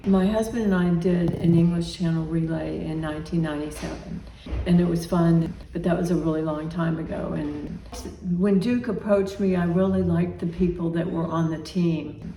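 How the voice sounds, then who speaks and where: A woman in her seventies speaking calmly and reflectively in a documentary interview. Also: fairly low pitch, normal speed. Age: 70s. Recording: roomy and distant with faint noise.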